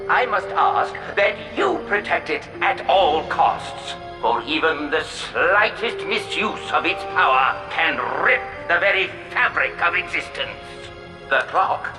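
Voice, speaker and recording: An actor playing a solemn, elderly fatherly creator delivering a grave, measured recorded message in a video game. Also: fairly high pitch. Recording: echoey hall reverb with music.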